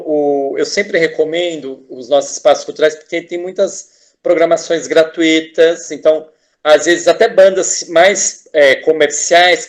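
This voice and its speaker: A Brazilian man, a teacher and artist, talking as a guest in a casual interview, enthusiastic and rambling with frequent restarts and tag questions. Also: fairly high pitch.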